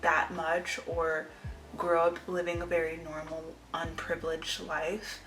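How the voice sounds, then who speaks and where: A woman's voice: deep voice, flat delivery, measured pace, a bit bright. A woman in her twenties talking casually to camera as a vlogger, informal, rambling and confiding. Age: 20s. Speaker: lifestyle vlogger. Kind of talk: casual chit-chat to camera. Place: indoor room at home. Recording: roomy echo with music behind. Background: music.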